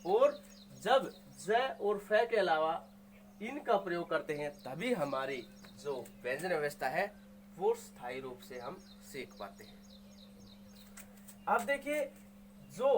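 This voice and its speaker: A man teaches a grammar lesson at an unhurried, deliberate pace, sounding each word out and saying it again. He poses questions and answers them himself. A faint hiss of background noise and some birdsong sit behind his voice. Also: on the high side, sing-song. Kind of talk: explaining Hindi grammar to students.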